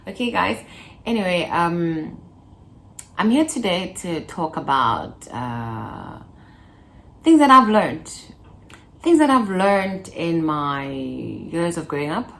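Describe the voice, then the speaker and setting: A woman's voice: on the low side, sing-song, takes it slowly, gravelly, fairly bright tone. A woman in her twenties chatting casually to her viewers in a vlog, playful and talkative, breaking into little laughs and snippets of song. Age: 20s. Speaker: vlogger. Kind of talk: casual chat to camera.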